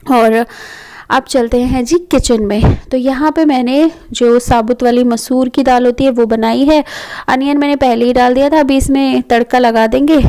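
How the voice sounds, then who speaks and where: Chatty high-voiced mom narrating her day. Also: mellow. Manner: chatty, homely, with frequent fillers. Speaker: vlogger mother of two. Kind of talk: casual home vlog narration. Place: home, indoors.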